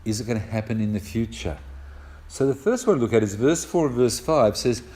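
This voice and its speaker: A man's voice: medium pitch, animated, fairly quick, warm tone. An older man with an Australian accent preaching a sermon, explaining scripture step by step in a conversational way with personal anecdotes.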